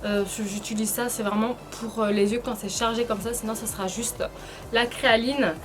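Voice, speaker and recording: Woman with braces, high voice, music behind. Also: fairly even intonation, moderate pace. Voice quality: slightly impeded speech from painful dental braces. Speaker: beauty vlogger presenting a tutorial. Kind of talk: casual chatty makeup-removal tutorial.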